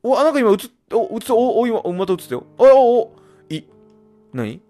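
A man doing horror game commentary, muttering and reading game text aloud, then bursting into loud startled yelps. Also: very high voice, big pitch swings, moderate pace, faint music behind. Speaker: let's play gamer.

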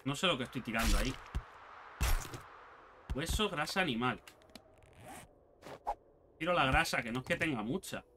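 A young man with a Spain Spanish accent giving excitable let's play commentary, talking to himself and the game and swearing casually. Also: medium pitch, normal speed, long pauses, noisy background. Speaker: gaming channel host.

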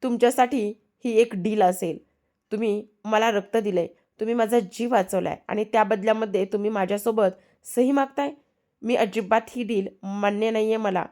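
A woman's voice: mid-range voice, normal speed, dark tone, close to an everyday voice. A woman voicing a stubborn young heiress who indignantly refuses, in quoted lines from a serial recap. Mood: defiant.

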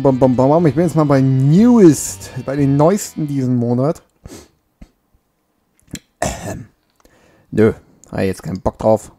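Gravelly man chatting over a game. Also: medium pitch, dark tone. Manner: chatty, joking, scolds the game character. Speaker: let's play gamer. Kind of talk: casual gameplay commentary. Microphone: makeshift home mic setup.

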